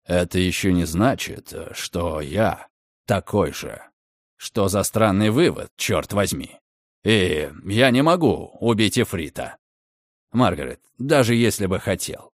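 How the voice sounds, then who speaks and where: A sly gentleman with a cold, menacing edge, his voice dropped low and quiet into an amused drawl, as a male narrator plays him. The recording is dry and close. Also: animated, slow, dry recording, full character voice. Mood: mocking.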